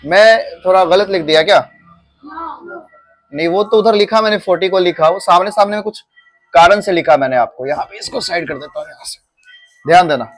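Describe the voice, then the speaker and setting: Male coaching teacher, high pitch, classroom drill style with faint music underneath. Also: brisk, long pauses. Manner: repeats his own questions to drill the class; addresses students as "beta". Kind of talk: classroom pronunciation lesson. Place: classroom with students.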